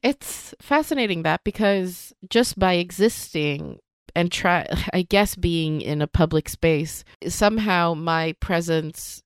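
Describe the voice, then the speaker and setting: Here the Swedish comedian guest, whose first language is Swedish, speaks slowly in a lowish voice with a clean tone, and there's no echo. She's thoughtful in this relaxed podcast interview, using fillers and restarting her sentences.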